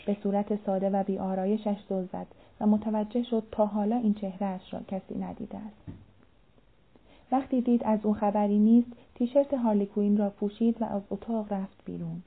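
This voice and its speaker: A woman reading a short story aloud, voicing both characters' lines in her own voice. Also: mid-range voice. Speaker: narrator. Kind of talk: storytelling narration. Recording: phone-like narrow sound.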